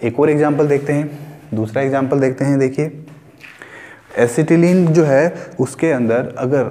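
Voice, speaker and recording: Hindi chemistry teacher with a dark tone. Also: male voice, mid-range voice, moderate pace, in a large hall. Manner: explains step by step, repeating key terms and asking questions; mixes English terms into Hindi. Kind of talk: online chemistry lecture.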